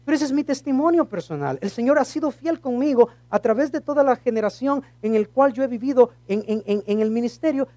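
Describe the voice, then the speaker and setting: Spanish-preaching pastor slipping into English. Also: male voice, fairly quick, hardly any pauses, no echo. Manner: shifts from loud and lively to low and quiet. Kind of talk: sermon.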